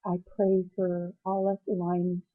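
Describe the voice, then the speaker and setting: A woman's voice: on the low side, completely flat delivery, takes it slowly, narrow, tinny audio. A woman speaking hesitantly in a personal video diary, teary and emotional as if after crying, searching for her words. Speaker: patient vlogger.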